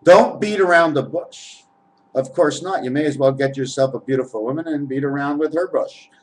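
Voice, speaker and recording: A man's voice: fairly high pitch, normal speed, a little mellow, rough recording. A man giving a rambling spiritual monologue to the camera, spinning wordplay out of letters and numbers and talking to viewers as his friends. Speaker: vlogger. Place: at home, on camera.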